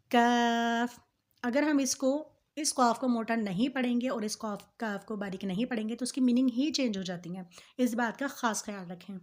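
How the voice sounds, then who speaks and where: This woman teaches Quran letter sounds with patience, her voice on the high side with a somewhat dark tone. She stretches each letter out in slow recitation between her explanations and goes over every point more than once.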